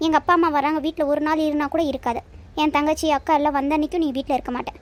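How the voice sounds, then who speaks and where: Domineering cartoon husband, a woman voicing, scolding, high-pitched. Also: steady tone, rapid-fire, lightly acted. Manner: commanding, scolding.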